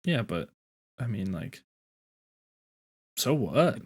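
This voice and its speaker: A man's voice: lowish voice, big pitch swings, takes it slowly, breathy edge. A man co-hosting a podcast in casual, informal back-and-forth banter. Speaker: podcast co-host.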